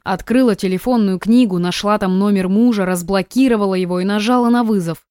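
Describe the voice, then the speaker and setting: A woman narrates an audiobook in a steady, even-handed storytelling manner. Her voice sits at a middle pitch for a woman. The recording is close and dry, with no room sound. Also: dry recording.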